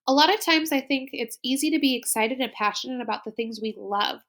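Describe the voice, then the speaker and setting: A woman's voice: high voice, brisk, a bit bright. A woman school librarian narrating a slide presentation in an upbeat, explanatory way.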